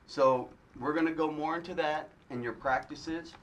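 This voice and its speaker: A man's voice: fairly high pitch, normal speed. A man hosting a casual real estate podcast, upbeat and loose, with lots of fillers. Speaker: podcast host. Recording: faint background noise.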